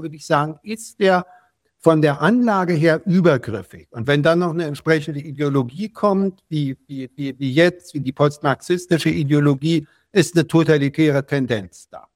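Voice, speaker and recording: An older man from West Berlin gives a long interview answer in a slightly raised voice. He speaks in a measured way, repeating words while he searches for them. The sound is dry and close, with no room echo. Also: fairly high pitch. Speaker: guest.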